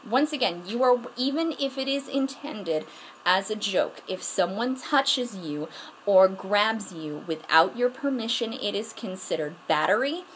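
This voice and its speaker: A woman's voice: medium pitch, lively intonation, measured pace, fairly bright tone, slight background noise, rough recording. Earnest woman giving self-defense tips. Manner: earnest, frank, with frequent restarts and asides. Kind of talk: casual instructional talk to camera. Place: at home, moving around in front of the camera. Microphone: camera mic, distance changing as she moves.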